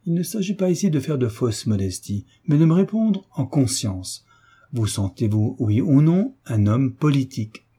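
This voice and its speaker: A man voicing a sly, ironic hunchbacked marquis in an audiobook, teasing with drawn-out courtesy. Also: mid-range voice, big pitch swings, dark tone, breathy edge. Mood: mocking. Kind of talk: audiobook character reading.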